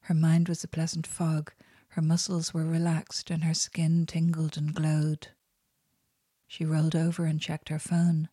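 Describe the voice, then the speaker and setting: A woman narrating an audiobook in a soft, unhurried, intimate way. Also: low voice, monotone, husky, dry recording, studio quality.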